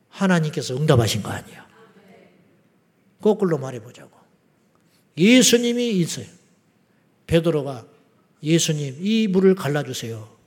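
A man preaching a sermon as pastor, acting out quoted prayers and rising to loud cries. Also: a little high. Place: large church sanctuary. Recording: long hall reverb from church sanctuary.

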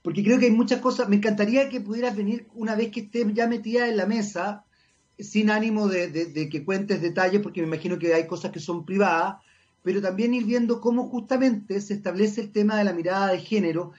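A man's voice: sits high, a little fast, darkish tone, dull audio. Chatty Chilean man hosting radio. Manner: chatty, talks a lot, self-mocking. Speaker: radio host. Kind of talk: casual radio interview.

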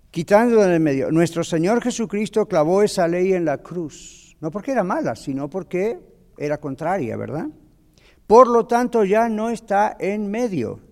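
A man teaching a Bible class in a conversational way, telling stories and asking his listeners questions. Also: on the high side. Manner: animated storyteller, asks the audience questions. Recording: long reverb of a hall.

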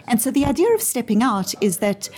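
A woman with a South African accent, answering interview questions in a measured, articulate way and using everyday examples to make her points. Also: a little high, expressive, a little mellow. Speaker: interview guest explaining her framework.

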